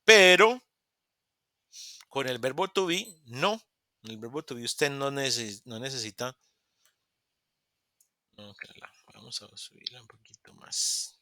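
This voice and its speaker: A man's voice: medium pitch, animated, slow pace, pauses often, bright, forceful tone, no room sound, studio quality. A man teaching English grammar in an online class, patiently repeating examples and acting out short dialogues. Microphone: computer mic in a video call.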